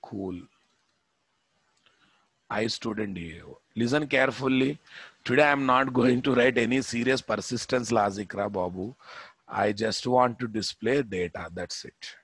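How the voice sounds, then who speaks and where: Indian guy w telugu accent teaching programming, mid pitch, repeats himself, dry close sound. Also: steady tone, moderate pace, fairly bright tone, husky, no room sound. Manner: repeats phrases, asks students rhetorical questions. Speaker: programming instructor. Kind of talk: live coding lesson.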